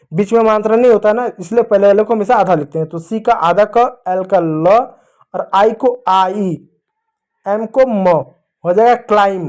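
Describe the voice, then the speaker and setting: A male teacher giving an English lesson to children, slowly spelling out words letter by letter and repeating them. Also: sits high, darkish tone. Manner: slow, repetitive spelling-out of words.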